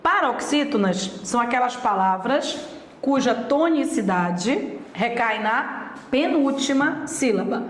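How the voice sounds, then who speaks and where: A woman teaching a grammar lesson. She draws out each example word slowly and hurries through her asides about exams. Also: a little high, expressive, reverberant. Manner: slow, deliberate, drawing out each example word; speeds up for asides and exam tips.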